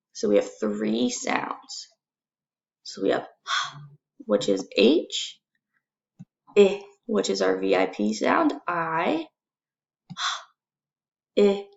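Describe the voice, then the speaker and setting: Creaky-voiced woman, encouraging kindergarten teacher. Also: medium pitch, highs cut off. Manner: kindergarten-teacher manner, encouraging, simple repeated phrases; sounds out letters and words slowly and distinctly. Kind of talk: recorded phonics lesson for young children.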